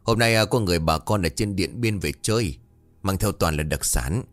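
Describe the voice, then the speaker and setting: A man narrating a scripted spoken story in a steady, measured way. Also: deep voice, dry recording, faint music behind.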